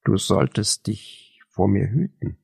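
A man voicing a hoarse, lonely young man with a rasping, gull-like diction in an audiobook. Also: lowish voice, lively intonation, slow, darkish tone, dry recording, studio quality, heavily acted. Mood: eager.

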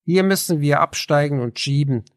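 A man voicing a hoarse, lonely young man with a rasping, gull-like diction in an audiobook. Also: fairly high pitch, moderate pace, no echo, studio quality, voice pushed up, natural voice. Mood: eager.

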